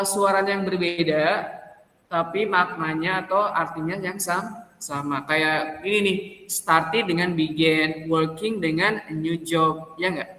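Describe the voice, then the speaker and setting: Man, lecturer, slow and bright, switches languages, keeps checking students, echoey room with long reverb. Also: high voice. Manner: keeps checking with students through repeated rhetorical questions; switches between Indonesian and English. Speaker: university English lecturer. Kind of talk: classroom lecture.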